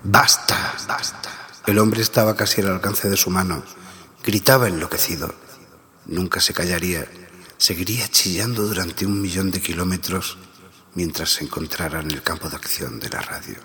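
A man narrating a story in a grave, hushed way, at times dropping to a whisper. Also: deep voice, moderate pace. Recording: reverb-heavy with background music.

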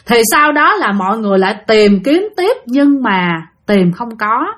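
High-voiced woman storyteller. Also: sing-song, normal speed, fairly bright tone. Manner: chatty, addresses listeners directly. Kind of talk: casual ghost-story narration.

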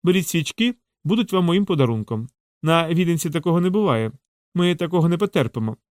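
A man voicing a shrewd old woman shopkeeper who scolds loudly and dotes on the boys. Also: on the high side, expressive, quick pace, no echo, clean studio sound, voice pushed up, lightly acted. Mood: consoling. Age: older. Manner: scolding, loud and doting by turns.

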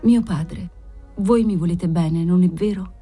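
A woman's voice: mid-range voice, normal speed, mellow, faint music behind, lightly acted. A woman reading aloud who voices a frail, devout young noblewoman, sometimes delirious and sometimes tender. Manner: delirious, crying out, then tender.

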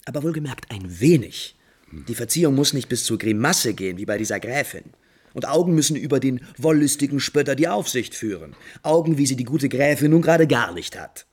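A man's voice: mid-range voice, animated, brisk, husky. An actor playing an imperious, moody, lovesick prince in classical German stage drama, theatrical and declamatory, lingering on his words. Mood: scornful.

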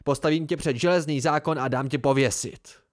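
A man's voice: fairly high pitch, natural voice. A man voicing an arrogant young nobleman who spits insults and barks orders in an audiobook scene. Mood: furious, spiteful. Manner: spiteful, shouting orders. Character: arrogant rich young nobleman, furious bully.

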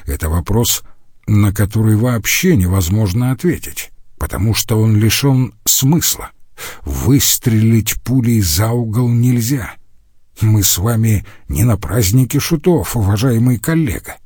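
A stern male scholar, as a man plays him, clipped and formal as he presses his colleagues. His voice is a bit husky, heard dry and close. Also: fairly low pitch, animated, measured pace, a little mellow, dry recording. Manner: curt, formal. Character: stern irritated male master presiding over debate.

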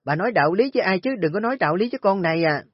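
A shrill, scornful young daughter-in-law, put on by a male storyteller, yelling taunts in a high, husky strained voice. The storybook recording is dull and lo-fi, with soft music underneath. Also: animated, moderate pace, no room sound. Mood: scornful shouting. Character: spiteful young woman, sharp-tongued shrewish daughter-in-law. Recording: dull lo-fi audio with faint music.

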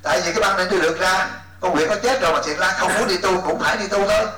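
A man, a Buddhist monk, gives an animated dharma talk and keeps asking his listeners for agreement. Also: high voice, racing. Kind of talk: dharma talk to a retreat audience. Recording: echoey hall, distant mic, faint hum.

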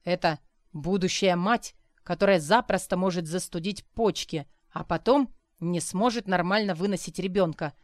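A boorish male schoolteacher, voiced by a woman reader, gruff and self-important. He barks orders and lectures in a lowish, dry voice. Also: moderate pace, no echo, close to an everyday voice. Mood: scolding.

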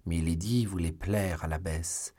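A man narrates a classic adventure novel as an audiobook, reading with measured, expressive delivery. His voice sits on the lower side, steady and unhurried. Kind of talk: scripted narration.

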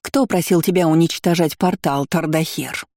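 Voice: mid-range voice, moderate pace, a little mellow, no room sound, studio quality, natural voice. A reader voicing a cruel, scheming vampire woman who mocks everyone with contempt. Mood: scornful. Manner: mocking, contemptuous, theatrical laughter.

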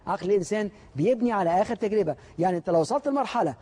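A man gives a motivational lecture in an Egyptian Arabic accent, speaking very quickly. His voice sits high and has a husky edge. He leans on rhetorical questions and acts out other people's words to drive his points home. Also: lively intonation, mellow.

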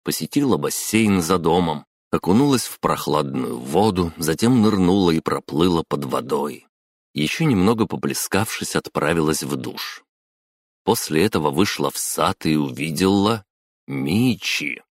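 A man narrating a story in an even storytelling manner. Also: extremely low pitch, moderate pace, dry recording, clean studio sound. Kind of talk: audiobook narration.

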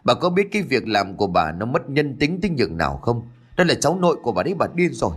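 A man's voice: medium pitch, big pitch swings, quick pace, slightly rough. A man voicing a grieving older man in a ghost story, speaking in a weary, reproachful way. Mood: outraged.

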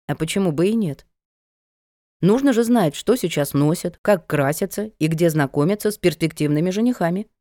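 Woman narrator, mellow dark voice, wry, dry recording. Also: on the low side, dry recording. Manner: wry, conversational storytelling. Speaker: audiobook narrator. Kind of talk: first-person audiobook narration.

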